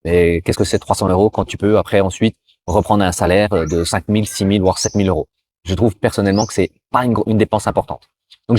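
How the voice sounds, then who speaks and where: Low-voiced French man giving advice. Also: darkish tone, slight background noise. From France. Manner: talks directly to viewer, frequent restarts and repetitions. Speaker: career advice video host. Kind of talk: informal advice monologue.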